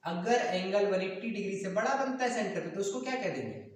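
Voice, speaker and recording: A man's voice: high voice, very animated, brisk. A male math teacher lecturing at a board, asking the class questions and answering them himself, and mixing English math terms into his talk. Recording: very echoey room, mic far off.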